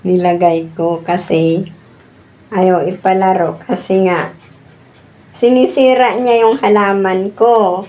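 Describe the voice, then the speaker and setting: A woman's voice: medium pitch, fairly even intonation, slow, pauses often, darkish tone. A woman filming her dog at home on a phone, talking to it in a coaxing, questioning sing-song and explaining to the viewer. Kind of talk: casual talk to a pet and camera. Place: home indoors.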